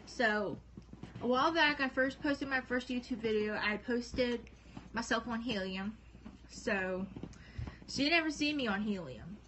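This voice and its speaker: A woman's voice: fairly high pitch, measured pace, a bit bright. A young woman talking casually to the camera as a vlogger in a small bedroom. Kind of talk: casual vlog chat to camera. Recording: noisy amateur home video.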